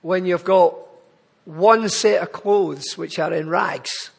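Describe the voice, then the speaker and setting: Glaswegian man with a gravelly voice. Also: high-pitched, slow, long reverb tail. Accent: Glaswegian Scottish. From Glasgow, Scotland. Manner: earnest, storytelling, direct address to congregation. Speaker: charity speaker at a church. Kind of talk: church appeal talk. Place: church hall.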